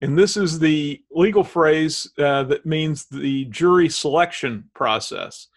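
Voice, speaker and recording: A man's voice: on the high side, slow pace. A middle-aged man with a Southern Indiana Hoosier accent, talking casually and explaining things as a podcast co-host.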